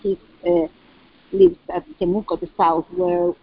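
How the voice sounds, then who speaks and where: A woman with a Chilean Spanish accent in an interview, speaking English haltingly as she translates in her head and searches for words. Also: medium pitch, big pitch swings, vocal fry, husky. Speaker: curator and cultural center representative. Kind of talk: interview answer about exhibitions. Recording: dull lo-fi sound.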